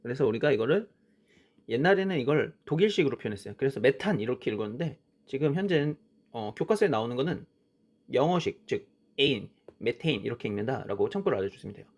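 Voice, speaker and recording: A man teaches a science lesson, drawing on a worksheet as he explains, often opening with "자" and using "그쵸?" as prompts while answering his own questions. His medium-pitched voice is animated, fast, and a little mellow.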